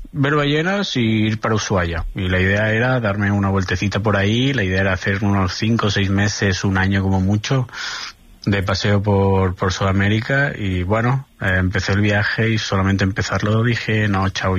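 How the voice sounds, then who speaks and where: Low-voiced man on dull radio. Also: normal speed. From Barcelona, Spain. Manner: relaxed storytelling with restarts. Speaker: guest, nurse and traveler. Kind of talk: casual radio interview.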